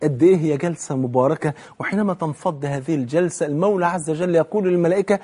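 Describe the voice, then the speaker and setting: A man's voice: on the high side, fast talker, mellow, husky. A man with an Egyptian accent preaching an impassioned televised sermon, asking and answering his own questions.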